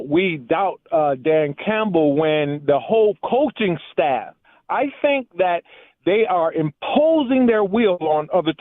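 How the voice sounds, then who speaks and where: A radio call-in caller with a fairly high voice comes through a muffled, underwater-sounding phone line with no echo. He earnestly works toward his point, restarting along the way.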